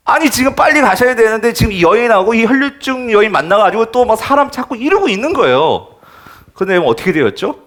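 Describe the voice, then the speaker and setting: A man's voice: sits high, big pitch swings, brisk, fairly bright tone. A male pastor preaching a sermon in church, emphatic and often asking the congregation questions.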